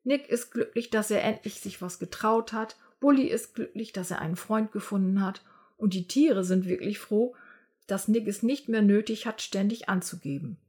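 A woman narrating a children's story aloud in a lively, expressive way. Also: mid-range voice, normal speed, husky.

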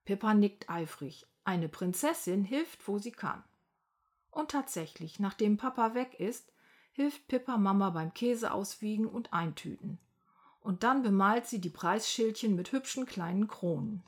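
A woman narrating a children's story aloud, lively and expressive. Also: mid-range voice, unhurried.

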